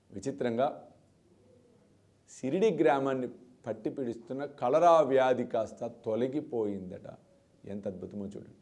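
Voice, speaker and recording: Male spiritual teacher for a televised discourse, relaxed warm voice, storyteller who acts out the characters. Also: mid-range voice. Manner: dramatic storytelling, acts out voices, emphatic repetition.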